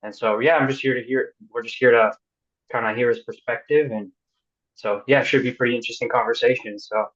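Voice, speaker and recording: A man hosting a podcast in casual chat, halting and filling pauses often. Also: mid-range voice, fairly even intonation, a bit bright. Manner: halting, many fillers. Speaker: podcast host. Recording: dull lo-fi audio.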